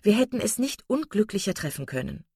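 A woman's voice: very animated, brisk, warm tone, breathy edge, no room sound, studio quality. A woman reading an audiobook voices a passionate, dreamy young woman who gushes and exclaims. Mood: sharp. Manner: gushing, exclamatory, rising high. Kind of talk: audiobook character voice.

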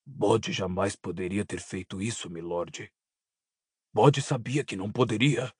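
A man voicing a hoarse, fearful male servant in an audiobook, trembling and eager to please. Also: lowish voice, a little slow, a little mellow, no echo, clean studio sound, pitched below the performer's own voice. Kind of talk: audiobook character voice.

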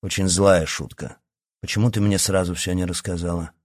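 A man voicing a sullen, brooding teenage boy in an audiobook, speaking low, quiet and curt. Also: steady tone, moderate pace, dry recording, studio quality, close to an everyday voice. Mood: cold. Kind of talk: audiobook character voice.

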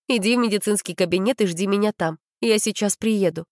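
A woman voicing a caring mother of a schoolgirl, gentle and soothing, in a storybook reading. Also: medium pitch, fairly quick, dry recording, clean studio sound, lightly acted. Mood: worried.

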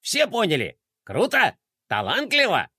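A man's voice: sits high, huge pitch swings, a little slow, pushed and bright, breathy edge, no room sound, clean studio sound, voice pushed up, exaggerated voice. A man voicing a theatrical, know-it-all fluffy green alien. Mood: triumphant. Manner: theatrical, snorting.

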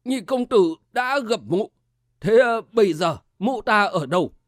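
A man voicing a timid old male servant who guards a gate, speaking slowly and hesitantly with a quavering voice. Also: sits high, animated, no room sound, studio quality. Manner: slow, quavering, hesitant with fillers.

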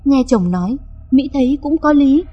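High-voiced woman narrating a story. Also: expressive, moderate pace, lo-fi sound. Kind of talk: dramatic audio story narration.

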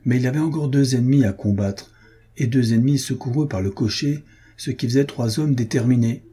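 A man narrating an audiobook in a steady, measured reading. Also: mid-range voice, husky. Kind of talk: scripted narration of a historical novel.

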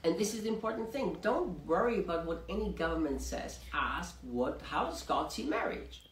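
An Austrian man preaches in clipped English phrases, stopping after each one so it can be translated. His pitch swings widely as he lands his points. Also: lively intonation. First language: German. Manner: speaks in short phrases, pausing for translation. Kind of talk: sermon with live interpreter.

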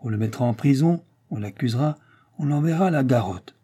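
A man reading an audiobook and voicing a smooth-talking, menacing male villain with falsely genial politeness. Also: medium pitch, expressive, brisk, warm tone. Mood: threatening.

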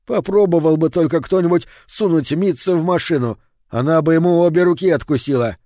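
A man's voice: mid-range voice, normal speed, a little mellow, no room sound, studio quality, natural voice. A man voicing an uneasy, frightened husband who owns funeral homes, talking in an anxious, brooding way. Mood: agitated.

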